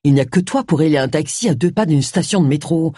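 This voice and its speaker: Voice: mid-range voice, animated, quick pace, mellow, breathy edge, no echo. The reader voicing a level-headed man who grumbles dryly at his companion, in a dry, close audiobook recording. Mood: grumbling.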